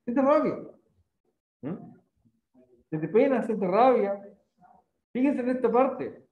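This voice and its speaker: Lively high-voiced teacher, muffled. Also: male voice, slow pace. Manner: coaxing, questions students with frequent "¿ya?". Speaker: language teacher. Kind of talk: classroom lesson on reading poetry.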